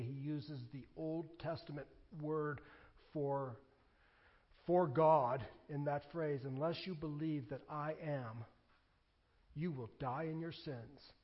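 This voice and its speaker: A pastor's sermon alternates between quiet scripture reading and loud, emphatic declarations. His male voice is a little high, and the audio is dull.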